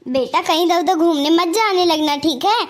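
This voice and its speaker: A woman's voice: extremely high pitch, moderate pace. A woman with an Awadhi-tinged Hindi accent voicing a doting, gullible mother in a cartoon comedy, fussy and nagging. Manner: fussy and nagging, keeps asking "theek hai?". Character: doting, gullible middle-aged mother with favoritism.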